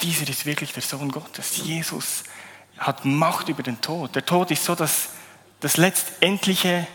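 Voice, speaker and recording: A man's voice: fairly high pitch, a bit bright, in a large hall. A man giving a sermon. He reads Bible verses aloud and talks about them in a conversational way, with a few slips and restarts. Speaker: preacher.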